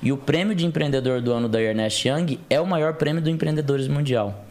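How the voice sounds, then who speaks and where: A man explaining business matters in a measured way on a casual podcast. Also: a little high, darkish tone. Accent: Brazilian Portuguese. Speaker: guest, co-founder.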